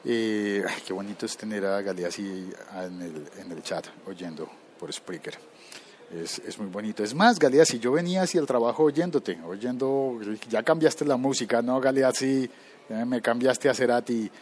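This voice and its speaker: A man's voice: medium pitch, normal speed, darkish tone, slight background noise. A man hosting a live tech podcast, chatting loosely, drifting off topic and correcting himself as he goes. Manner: rambling, easily sidetracked, frequent self-corrections. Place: recording room at work.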